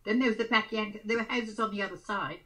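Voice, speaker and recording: A woman's voice: medium pitch, steady tone, fast, fairly bright tone, low-quality recording. A very old woman, over a hundred, with an Australian accent, chatting casually and repeating short phrases over a video call. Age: very old, over 100. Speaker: interviewee, grandmother. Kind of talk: casual reminiscing chat. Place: small room indoors, on a video call. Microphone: video call, device in front of her.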